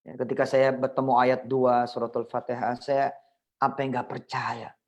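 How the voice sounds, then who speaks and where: A middle-aged man preaching in a virtual study circle, telling a story with lively swings, acting out prayers and scolding parents. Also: mid-range voice, normal speed, highs cut off. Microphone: video call.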